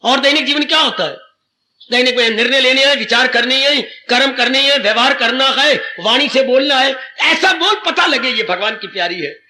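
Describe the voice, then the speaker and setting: A man's voice: very high voice, normal speed, pushed and bright, a little hiss or hum. A man giving a devotional sermon as a spiritual teacher, fervent, repeating words for emphasis, quoting verse and calling his listeners children.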